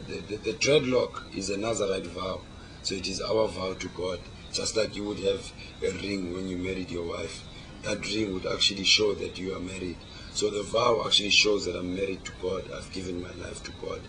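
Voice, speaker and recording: A man's voice: sits low, flat delivery, moderate pace. A man with devout, emphatic Rasta speech, explaining his faith in an interview, repeating words for weight. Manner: devout Rasta speech with reverent religious phrases. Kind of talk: explanatory religious interview talk. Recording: clearly noisy location recording.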